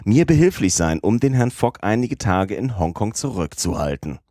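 A man voicing a crafty, persuasive police detective who speaks low and insistently. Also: sing-song, normal speed, warm tone, dry recording, studio quality. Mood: coaxing. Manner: low-voiced, coaxing, insistent.

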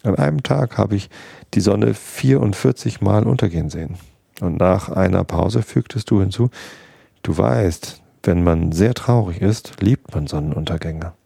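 A man reading a novel aloud at a measured pace, pausing often and correcting small slips. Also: low voice, gravelly, mellow, breathy edge, no echo, studio quality. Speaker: reader.

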